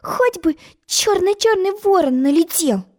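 A woman reading a storybook, voicing Alice as a lively, giggly little girl. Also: slow. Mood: coaxing. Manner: high, giggly and playful.

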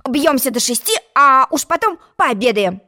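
A woman's voice: high voice, sing-song, normal speed, bright, forceful tone, heavily acted. A woman reading a storybook, voicing a timid, anxious little warrior who hesitates as he speaks. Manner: hesitant and worried.

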